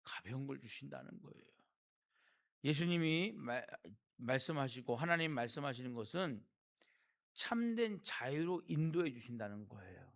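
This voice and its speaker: Gravelly Korean pastor preaching conversationally. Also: male voice, medium pitch, expressive, normal speed. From South Korea. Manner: conversational preaching with rhetorical questions to the congregation. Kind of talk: sermon.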